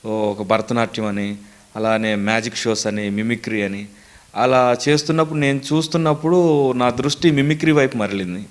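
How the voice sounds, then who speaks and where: A man's voice: mid-range voice, moderate pace. Earnest man telling his story. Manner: earnest, storytelling, lists names steadily. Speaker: mimicry artist, interview guest. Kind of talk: casual interview answers.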